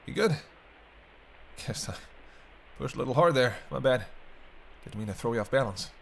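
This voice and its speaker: This man plays a centuries-weary, sardonic but protective vampire who teases and talks straight to the listener in an intimate roleplay audio drama. His medium-pitched voice is animated and a bit creaky, moving at a moderate pace, with a gentle, guiding mood, wry banter and murmured asides. Faint background noise can be heard.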